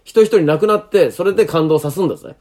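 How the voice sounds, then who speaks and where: A man's voice: a little high, fast talker, a little mellow. A man with an Okayama accent, a comedian in comedy talk-show banter, ranting bluntly and arguing his point. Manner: blunt ranting in western Japanese dialect.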